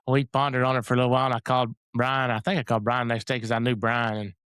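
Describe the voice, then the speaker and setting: A man's voice: medium pitch, little pitch movement, rapid-fire, a bit bright, clean tone, no echo, studio quality. A man, hosting in a casual, folksy, informal chat style. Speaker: host.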